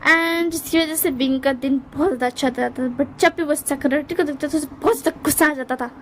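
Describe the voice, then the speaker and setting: A woman retells a romance story in a loose, rambling way, correcting herself as she goes. Her voice sits high and bright. A faint background noise is heard behind her. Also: quick pace. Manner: rambling, many fillers and restarts.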